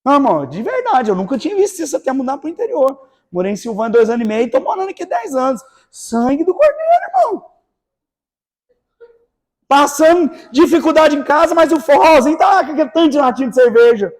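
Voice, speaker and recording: High-voiced preacher, loud and soft by turns. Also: male voice, big pitch swings, quick pace. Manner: swings between hushed asides and shouted exclamations. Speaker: pastor. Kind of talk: lively evangelical sermon. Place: church.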